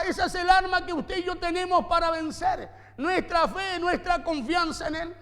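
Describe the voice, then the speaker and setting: A man preaching as pastor, his voice strikingly high for a man. He drives his points with repeated phrases and rhetorical questions. The sound rings with the long reverb of a church hall. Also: bright, forceful tone. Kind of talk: sermon.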